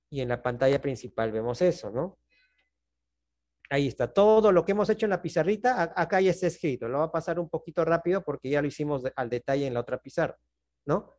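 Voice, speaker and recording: A man's voice: fairly high pitch, darkish tone. Patient man teaching math on a call. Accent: Peruvian Spanish. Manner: patient, checks in often with "¿no?" and "¿está bien?". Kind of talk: online class explanation.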